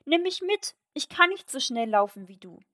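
A woman voicing an insistent, wheedling male frog in a fairy tale, reading at a slow pace with her voice lifted. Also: mid-range voice, close to an everyday voice. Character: pleading pushy male frog by a well. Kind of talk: storybook reading.

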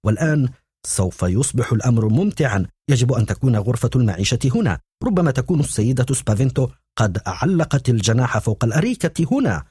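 A boy thief leads the way in tense, low whispers , voiced by a male reader. His voice is mellow and slightly husky, with a pitch that rises and falls. The sound is close and dry. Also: sing-song, quick pace, dry recording. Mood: hushed. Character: cautious boy leading a gang of thieves.

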